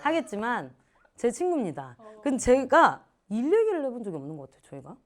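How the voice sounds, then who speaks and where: High, lively woman hosting a talk show. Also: quick pace. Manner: playful, teasing banter. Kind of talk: casual talk show chat.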